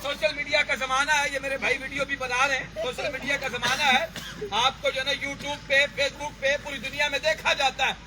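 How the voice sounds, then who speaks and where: A man's voice: extremely high pitch, little pitch movement, background noise. A man preaching a fiery devotional sermon, rousing the crowd to chant back. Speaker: preacher at a shrine gathering. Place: large gathering at a shrine. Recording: echoey hall, far from mic, crowd.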